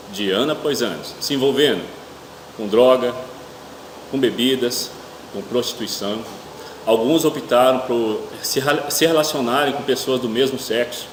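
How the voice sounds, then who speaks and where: A middle-aged Brazilian man preaching a church sermon haltingly, his speech slightly hampered by a toothache, often posing rhetorical questions. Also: mid-range voice. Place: indoor church hall with noisy ambience. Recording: echoey reverberant hall, clear room hum.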